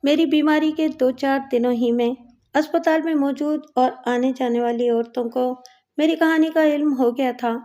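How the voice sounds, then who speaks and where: A woman narrating a story in a steady, measured way. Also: high voice.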